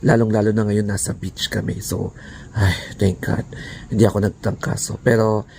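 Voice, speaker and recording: A man vlogging casually with a hoarse, raspy voice, chatting and slipping in English words and breathy laughs. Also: lowish voice, little pitch movement, moderate pace, darkish tone, slight background noise. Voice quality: raspy, croaky voice. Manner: chatty Taglish, mixing in English; laughs breathily between phrases. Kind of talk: casual vlog chat.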